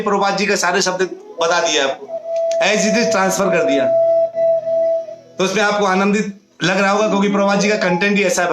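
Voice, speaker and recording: Hoarse high-voiced male preacher. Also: roomy sound. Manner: animated storytelling, acting out quoted voices. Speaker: devotional preacher. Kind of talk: devotional scripture discourse.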